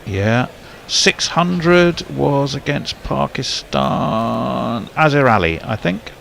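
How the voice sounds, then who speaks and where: Gravelly man commentating cricket. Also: medium pitch, lively intonation, slow pace, a bit bright, slight background noise. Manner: rambling, with frequent fillers and restarts. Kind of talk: casual ball-by-ball commentary.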